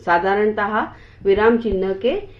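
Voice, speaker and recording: A woman teaching a grammar lesson in a slow, measured way, pausing on examples. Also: mid-range voice, highs cut off.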